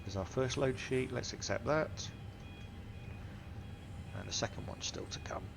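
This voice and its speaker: The host of this flight sim tutorial has a creaky, medium-pitched voice, a little slow, and is congested from a cold. He methodically covers each cockpit setting step by step over the hum of the simulator's engine and cabin.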